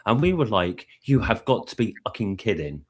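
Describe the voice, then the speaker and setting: A man's voice: lowish voice, sing-song, normal speed, darkish tone, breathy edge. A British man in casual live-stream chat, explaining at length with many fillers and restarts. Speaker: panel guest.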